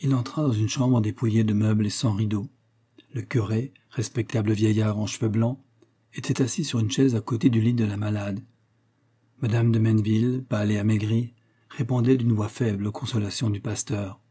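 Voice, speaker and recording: Husky dark-voiced man narrating. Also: on the low side, fairly even intonation, normal speed. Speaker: audiobook narrator. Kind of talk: scripted literary narration.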